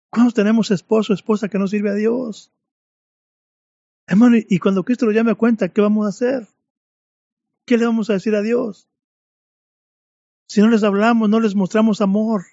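A man's voice: high-pitched, dark tone, no echo. A man preaching a fervent sermon, repeatedly calling out to his brothers and sisters. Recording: dry, dull lo-fi recording.

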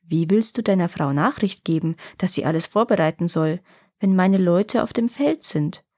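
A woman's voice: lowish voice, lively intonation, normal speed, a little mellow, no room sound, studio quality. Woman doing a pompous rich landlord, snappy then all honey and begging, storybook figure. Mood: haughty. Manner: haughty, then honey-sweet and pleading. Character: vain, greedy rich male landowner, quick to anger.

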